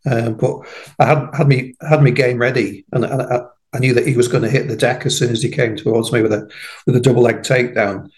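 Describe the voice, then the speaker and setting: A man's voice: medium pitch, steady tone, a little mellow, low-quality recording. A man in his sixties, a podcast guest chatting casually and often restarting his sentences. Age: 60s. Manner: halting, many repeated starts. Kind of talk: casual conversation.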